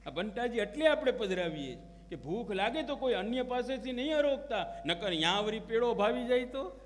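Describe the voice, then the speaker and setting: A man's voice: very high voice, very animated, normal speed. A man giving a devotional discourse, telling stories and acting out quoted prayers and dialogue. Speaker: religious preacher. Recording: long hall reverb.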